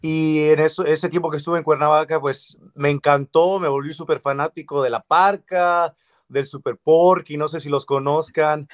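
A Mexican man talking as a guest in a casual conversation, relaxed and laughing between phrases. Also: a little high, normal speed, no echo.

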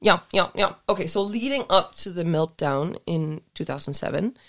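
A woman's voice: fairly low pitch, lively intonation, normal speed, fairly bright tone. A woman co-hosting a podcast, chatting casually in a rambling, giggly way and swearing freely. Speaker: podcast co-host.

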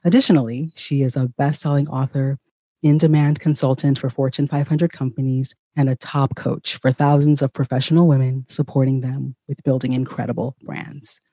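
Brief: woman from Ghana, podcast host, encouraging and upbeat, mellow warm tone, dry close-miked sound. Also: very deep voice, level tone, normal speed, slightly rough, no room sound. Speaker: podcast host and nurse practitioner. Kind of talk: podcast interview intro.

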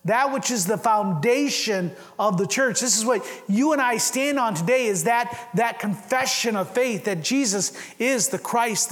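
Preaching man in a reverberant hall. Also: sits high. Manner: earnest preaching with rising emphasis and frequent restarts. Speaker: pastor. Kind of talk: sermon.

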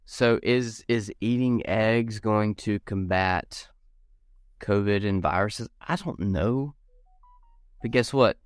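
A man co-hosting a casual podcast, talking in a rambling way with halting restarts. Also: lowish voice, clean tone, no room sound, clean studio sound. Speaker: podcast co-host.

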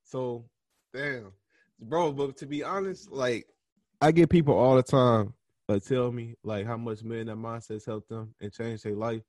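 A man's voice: medium pitch, a little slow, no echo. Laid-back young man talking slang on a dry mic. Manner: relaxed, slangy, thinking aloud with many restarts. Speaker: podcast host being interviewed. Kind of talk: casual interview conversation.

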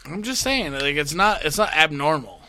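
High-voiced guy bantering on a podcast, excitable, repeats himself, super animated. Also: normal speed, noisy background. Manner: excitable, repeats himself, acts out sound effects. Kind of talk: casual group banter, crude joking.

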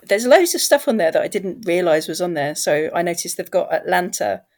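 A woman's voice: fairly low pitch, very animated, a little fast, a little mellow. A woman chatting casually as a co-host on a podcast. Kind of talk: casual chat.

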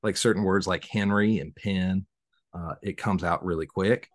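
A man's voice: low voice, steady tone, moderate pace, dry recording, clean studio sound. A man with a Southern US accent hosting a casual podcast interview, rambling and self-conscious with many restarts. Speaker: podcast host.

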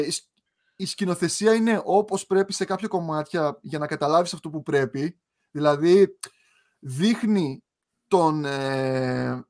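A young man co-hosting a podcast in casual chat, relaxed, laughing often and trailing off mid-sentence. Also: on the high side. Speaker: podcast co-host.

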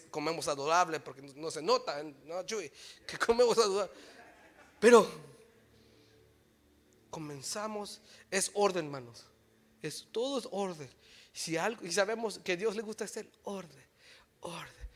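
A man preaching a sermon to his congregation, telling stories and exhorting, swinging from shouts to near-whispers. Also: high voice.

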